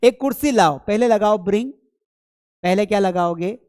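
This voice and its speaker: A man's voice: high-pitched, moderate pace, a little mellow. A man with an Indian accent, a Hindi speaker, giving a chatty, teasing online English lesson, his voice strained from an hour of talking. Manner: chatty, teasing, addresses students as beta. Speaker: spoken English teacher. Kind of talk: live online lesson, playful lecturing.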